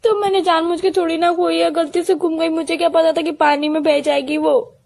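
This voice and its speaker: A woman's voice: very high voice, little pitch movement, a little fast, creaky, a little mellow. A young woman in a comedy phone-call skit, playing a girlfriend who whines and pleads. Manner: whiny, pleading.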